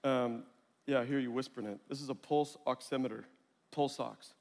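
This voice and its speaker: A man in his thirties preaching a sermon as a storytelling pastor, lively and acting out family conversations. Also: medium pitch, moderate pace, creaky. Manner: animated, acts out family dialogue. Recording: long hall reverb.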